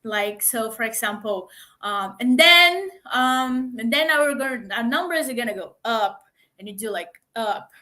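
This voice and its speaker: Bright-voiced woman coaching on pitching. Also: animated. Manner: many fillers, halting and restarting. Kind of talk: online talk on pitching.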